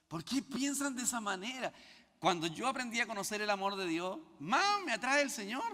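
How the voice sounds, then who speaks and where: A man's voice: high-pitched, big-room sound. A Chilean man preaching as a pastor, teaching through a story and acting out both sides of the dialogue. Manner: animated, acts out dialogue in quoted voices. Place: church.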